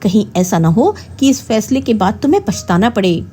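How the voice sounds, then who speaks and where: A woman voicing a gentle, soothing older mother in a storybook tale. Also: mid-range voice, animated, normal speed, soft background music, lightly acted.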